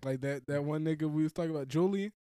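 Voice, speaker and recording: A man's voice: on the high side, fast, warm tone, clear, resonant tone, no room sound. A man co-hosting a podcast in casual joking chat, teasing and laughing as he tells stories. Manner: laughing, teasing, loose storytelling. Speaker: podcast co-host.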